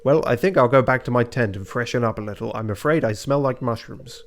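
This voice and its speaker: A man's voice: mid-range voice, fairly quick, slight background noise, lightly acted. A man voicing a chatty, very old male professor in a video game, reading his dialogue aloud. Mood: chummy. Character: chatty old male professor, cheerfully eccentric cave survivor.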